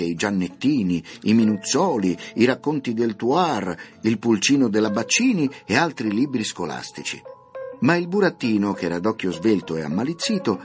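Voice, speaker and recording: Lively, low-voiced male storyteller. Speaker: narrator. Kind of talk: scripted narration of a children's classic. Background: soft background music.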